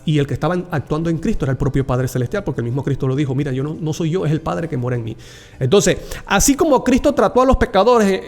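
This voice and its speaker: A man's voice: high-pitched, a little mellow. A man preaching a Bible reflection, earnest and personal, calling the listener dear brother. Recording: long hall reverb with faint music behind.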